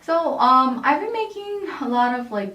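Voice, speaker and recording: A young woman from South Korea chatting casually in an interview, relaxed and thoughtful, with many fillers. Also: sits high, moderate pace, slight background noise. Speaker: interviewee, university staff member. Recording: roomy echo, mic at a distance.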